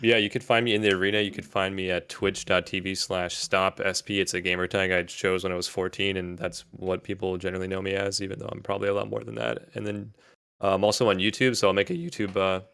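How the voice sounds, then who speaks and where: A man with a very deep, gravelly yet smooth voice joins a casual gaming chat. He talks in an offhand, wry, self-deprecating way. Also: flat delivery, fast, a bit bright. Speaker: guest streamer.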